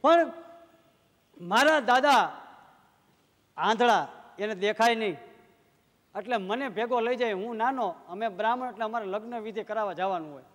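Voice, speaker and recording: A man's voice: high-pitched, moderate pace, long pauses, long reverb tail. A man telling comic stories at a live folk show, acting out the dialogue. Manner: lively storyteller, acts out quoted dialogue. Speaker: folk humorist on stage. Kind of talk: live dayro storytelling.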